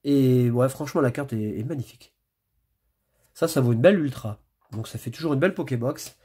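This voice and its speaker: A man with a husky, slightly rough voice at a middle pitch talks his way through opening trading card packs. He rattles off card names as he flips and reacts to each pull in a loose, chatty way. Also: brisk, mellow. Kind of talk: casual pack-opening commentary.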